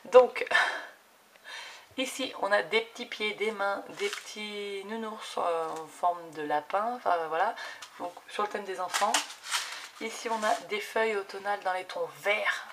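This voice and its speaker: A woman in her thirties chatting casually at her home craft desk, enthusiastic and full of fillers as she unboxes gifts, recorded on a camera set low on the desk. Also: steady tone, measured pace. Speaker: craft YouTuber. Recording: audible background noise.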